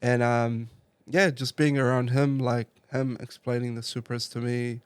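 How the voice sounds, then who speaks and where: A man from Iraq, a car club member talking as a guest in a relaxed casual interview, laughing often and using slang fillers. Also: medium pitch, a little slow, clean tone, no room sound.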